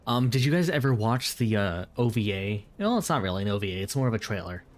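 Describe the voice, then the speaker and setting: A man's voice: fairly low pitch, very animated, quick pace, faint music behind. A man streaming late at night, chatting casually and rambling, correcting himself as he replies to viewers.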